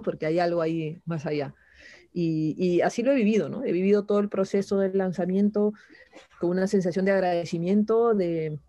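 A woman speaking as an interview guest in a relaxed, reflective chat. She keeps tacking little questioning tags onto her phrases and stumbles into restarts. The recording is close and dry, with no room sound. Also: lowish voice, dry recording. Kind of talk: casual conversational interview.

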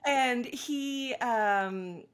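A woman's voice: on the high side, drawn-out words. A woman who works as a parent coach, talking casually and telling stories in an interview, laughing easily. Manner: animated storyteller, laughs easily. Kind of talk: conversational interview.

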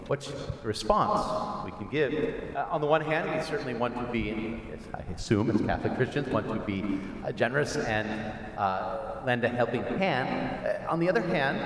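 A man giving an informal, conversational homily with hesitant pauses in a large church. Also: fairly low pitch. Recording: echoey church hall, long reverb, faint noise.

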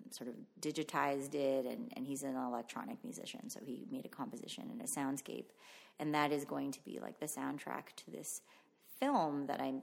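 A Canadian visual artist, appearing as an interview guest, talks casually and reflectively about her own work. Her voice is a gravelly bass.

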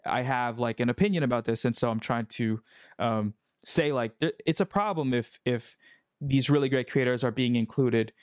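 A man's voice: medium pitch, moderate pace, no room sound. Rambling man in dry close sound. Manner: rambling, many fillers and restarts. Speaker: YouTube commentator. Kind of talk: casual conversation.

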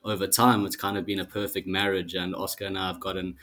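A young man in his twenties introducing himself as a guest on a casual podcast, in a measured way with some fillers. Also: low-pitched, little pitch movement, a bit bright. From South Africa. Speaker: guest, project team member.

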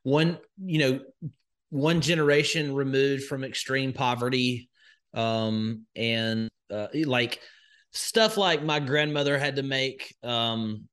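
Here the Alabama crypto educator's mid-range voice comes out slow, smooth and a bit bright. Still a podcast guest with a Southern accent from the northwest of the state, he tells his story in a rambling, folksy, filler-heavy conversational interview.

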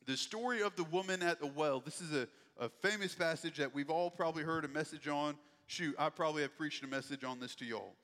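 A man's voice: fairly high pitch, fairly quick, few pauses, a bit bright, big-room sound. A man preaching a sermon in a conversational, folksy way. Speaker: pastor.

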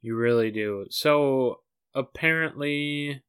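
A man's voice: mid-range voice, takes it slowly, fairly bright tone, clear, resonant tone. A man co-hosting a podcast in casual chat, earnest and keen to set the record straight. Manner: earnest, keen to correct himself. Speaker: podcast co-host.

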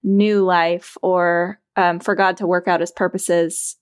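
A woman's voice: lowish voice, level tone, takes it slowly, clean tone, dry recording. Woman in dry, close-sounding podcast discussion. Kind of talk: casual discussion.

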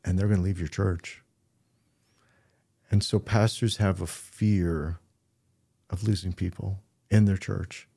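A middle-aged pastor speaks earnestly in a low, gravelly voice, easing into stories and acting out what people said. His tone is dark and mellow. He is recorded dry and close on the mic. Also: steady tone, slow, long pauses, no room sound. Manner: earnest storytelling, acts out quoted voices. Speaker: pastor and podcast co-host. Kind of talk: casual podcast conversation.

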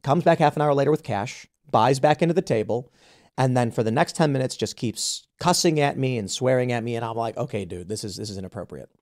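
A man's voice: mid-range voice, brisk, darkish tone. A man in his thirties from the United States, hosting a podcast and telling an indignant story full of restarts and repeated words. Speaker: podcast host. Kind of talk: casual podcast conversation.

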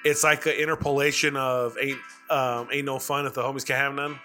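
A man's voice: mid-range voice, level tone, a little fast, bright, forceful tone, faint music behind. A man co-hosting a podcast, telling stories in a laid-back, slangy way with lots of swearing. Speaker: podcast co-host. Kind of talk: casual chat.

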